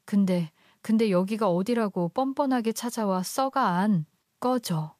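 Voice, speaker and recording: A woman voicing a stern, older grandmother who scolds in a low, pressing voice in a storybook narration. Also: expressive, unhurried, darkish tone, dry recording, clean studio sound, close to an everyday voice. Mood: stern scolding.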